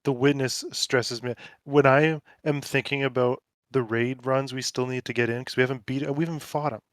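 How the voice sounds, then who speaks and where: A man's voice: medium pitch, steady tone, moderate pace, dry recording, clean studio sound. A man co-hosting a casual gaming podcast, rambling with lots of fillers and restarts. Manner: rambling, filler-heavy, stressed about a game raid. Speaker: podcast co-host. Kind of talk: casual chat.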